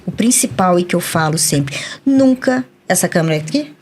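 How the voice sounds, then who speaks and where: A woman's voice: normal speed, a little hiss or hum. A middle-aged woman, a psychologist, speaking emphatically as a guest on a podcast interview. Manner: emphatic, animated storytelling with wide pitch swings.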